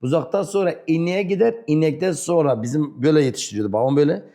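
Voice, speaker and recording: A man's voice: on the high side, quick pace, mellow. Man telling stories in broken southeastern-accented Turkish. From rural southeastern Turkey. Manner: broken, non-fluent Turkish. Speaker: interview guest. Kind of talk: animated personal storytelling.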